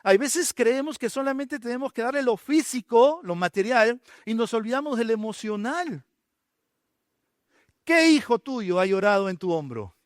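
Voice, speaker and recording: A man's voice: very high-pitched, expressive, normal speed, no room sound, studio quality. A man preaching a sermon, counting off his points and asking the congregation rhetorical questions. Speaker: pastor.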